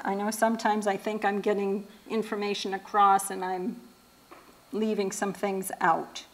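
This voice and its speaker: Woman, mid-pitched, casual church talk, conversational, lots of restarts. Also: low-quality recording. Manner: conversational, with many fillers and restarts. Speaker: speaker at a church event.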